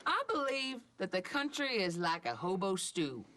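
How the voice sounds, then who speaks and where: A woman's voice: medium pitch, big pitch swings, normal speed, a bit bright. A woman playing a chirpy folksy pundit. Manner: chirpy, folksy, self-assured. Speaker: panel guest.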